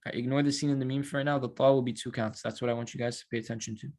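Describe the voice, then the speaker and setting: A man teaching Quran recitation in a relaxed class, talking casually and stretching out syllables to show how they are chanted. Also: mid-range voice. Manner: explains slowly, models drawn-out recited syllables.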